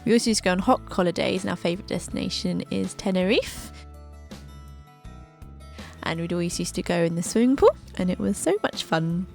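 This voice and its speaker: A woman's voice: on the low side, animated, a little fast, creaky, darkish tone, faint music behind. A woman, narrating her own life story with chatty, joking asides. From England. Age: 20s. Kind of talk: scripted narration over a drawing video.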